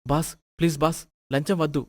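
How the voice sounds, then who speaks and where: Woman putting on a sleeping man, low drowsy mumble, storybook cartoon. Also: fairly even intonation, fairly quick, a little mellow, no echo. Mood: sleep-talking. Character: sleeping honest office man mumbling in dreams.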